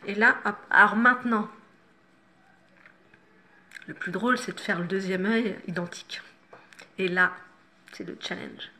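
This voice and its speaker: A woman's voice: medium pitch, a little slow, pauses often, sharp tone. A middle-aged woman talking viewers through a makeup tutorial, chatty and instructive, with self-mocking asides. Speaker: makeup vlogger.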